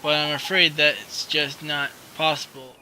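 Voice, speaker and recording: A man reading a polite male town guard's lines from a video game in his own voice, slowly and with slips. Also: fairly high pitch, level tone, background noise, lightly acted. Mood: formal. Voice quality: halting, slow reading with slips.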